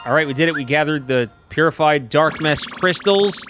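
A man casually commenting while playing a video game, joking and quickly voicing the characters in silly lines. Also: a little high, a bit bright, faint music behind. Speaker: gaming YouTuber. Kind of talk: casual let's-play commentary.

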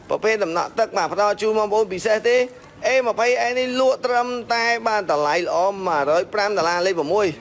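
A man from Cambodia working as a phone shop seller, reeling off one phone model and price after another in a steady sales patter. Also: high voice, slight background noise.

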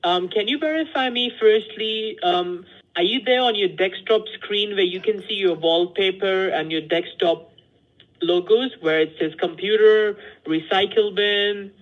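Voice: mid-range voice, measured pace. A caller posing as tech support gives step-by-step instructions over a dull, lo-fi line. The delivery is formally polite but insistent and repetitive. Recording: dull lo-fi phone call.

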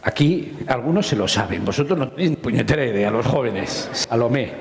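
A man with a Spanish accent giving a lively public science talk, joking and asking his audience questions. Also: mid-range voice, brisk, creaky. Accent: Spanish from Spain. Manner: jokey, asks the audience questions, swears casually. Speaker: microbiology lecturer. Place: large lecture hall. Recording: roomy hall with long reverb.

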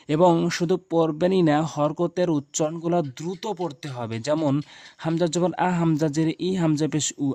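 A man teaching Quran letter sounds, drilling syllables in quick repeated chants and firmly correcting mistakes, with a Bangladeshi Bengali accent. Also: fairly high pitch, a little mellow, no room sound, studio quality. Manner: firm, insistent corrections. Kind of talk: instructional lesson.

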